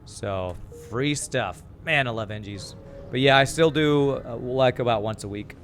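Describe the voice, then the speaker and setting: Faint music and a slight hiss or hum sit under this young streamer from California. His mid-range American voice moves at a measured pace as he casually games, reads viewers' messages aloud, and replies to them.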